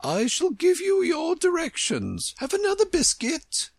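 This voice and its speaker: A man voicing an imperious, bossy, politely condescending Queen in a storybook, with a shrill, swooping, grandly drawn-out delivery. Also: huge pitch swings, dry recording, full character voice. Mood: condescendingly gracious.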